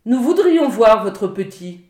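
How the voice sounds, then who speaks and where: A woman's voice: a little high, sing-song, unhurried, darkish tone. A woman voicing a stern, blunt man who questions and warns firmly, in an audiobook reading. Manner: firm, admonishing. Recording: roomy echo.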